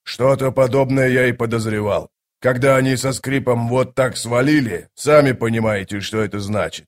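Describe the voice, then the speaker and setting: A man voicing a gruff, suspicious male sapper who growls and grumbles. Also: mid-range voice, normal speed, natural voice.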